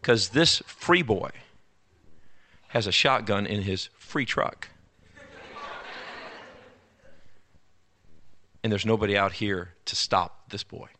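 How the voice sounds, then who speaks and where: A preacher voicing a proud old man in his seventies. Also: lively intonation. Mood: defiant. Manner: low, quiet, measured delivery.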